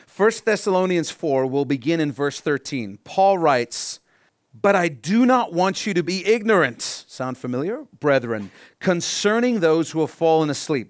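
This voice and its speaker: A man preaching a sermon as pastor, reading scripture and explaining it, asking the congregation questions, rising loud on key phrases and dropping low and quiet to drive points home. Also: no echo, studio quality.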